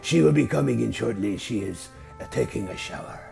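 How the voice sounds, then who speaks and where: An actor playing a flamboyant male shark husband serving a fancy dinner in a comedy sketch, in a theatrical, gravelly voice. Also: mid-range voice, lively intonation, fairly quick, over music. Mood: showy.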